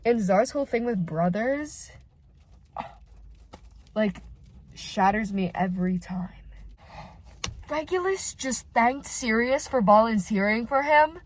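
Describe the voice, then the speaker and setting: Her voice is a little high, and she takes her time, pausing often. A channel host congested with a cold, she gushes excitably over fan fiction from inside a parked car, peppering her casual reaction vlog with "like."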